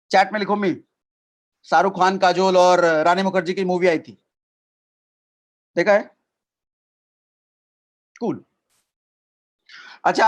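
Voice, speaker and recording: A man leading a live online training session over a video call, energetic and repetitive, asking viewers to reply in the chat. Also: high-pitched. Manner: energetic, repetitive coaching, asks the chat for replies. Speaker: network marketing trainer.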